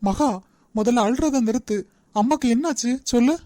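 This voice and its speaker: A woman's voice: on the high side, normal speed, warm tone, no echo, studio quality, lightly acted. A woman voicing a stern, protective young man in a cartoon, speaking firmly with a Nagercoil Tamil accent. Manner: firm, commanding. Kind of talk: cartoon voice acting.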